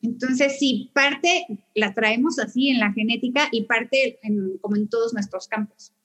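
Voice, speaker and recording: A woman's voice: on the high side, a little slow. Woman explaining with analogies. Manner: explains with homely analogies, animated. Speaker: guest, family constellations practitioner. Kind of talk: casual explanatory chat.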